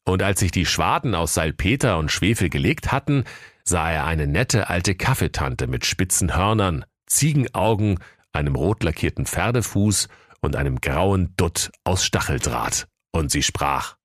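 Deep-voiced man narrating a comic fairy tale. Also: sing-song, measured pace, no echo, studio quality. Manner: playful, theatrical.

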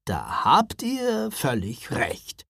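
A woman voicing a calm, friendly old Father Frost in a storybook reading, speaking slowly and gently. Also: very deep voice, creaky, breathy edge, no room sound, clean studio sound, heavily acted. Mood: kindly. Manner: slow, friendly.

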